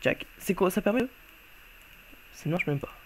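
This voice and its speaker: A man's voice: high-pitched, expressive, moderate pace, background noise. A man giving casual gameplay commentary as he shows off a game mod, talking offhandedly and thinking aloud while he plays. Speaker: YouTuber showcasing a game mod.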